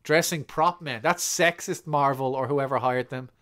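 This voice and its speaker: A man co-hosting a casual movie commentary podcast, joking and teasing in quick bursts. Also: medium pitch, a bit bright. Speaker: podcast co-host.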